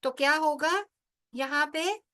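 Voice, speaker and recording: A woman teaching Quranic recitation rules, explaining each rule step by step and then reciting the words slowly and drawn out, checking in often with "theek hai". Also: high voice, fairly even intonation, sharp tone. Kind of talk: tajweed lesson with slow recitation.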